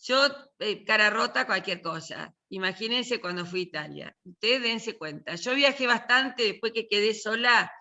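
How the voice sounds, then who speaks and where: Older woman, Argentine accent, bright piercing tone; colloquial, joking literature teacher on a video call. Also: medium pitch, expressive, moderate pace, few pauses. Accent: Argentine Spanish. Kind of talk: casual online class talk.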